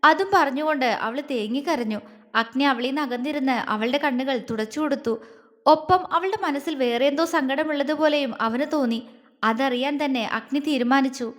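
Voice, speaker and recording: A woman storyteller reading a scripted family love story in a steady, measured way, with a long hall reverb. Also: high voice. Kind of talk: scripted audio story narration.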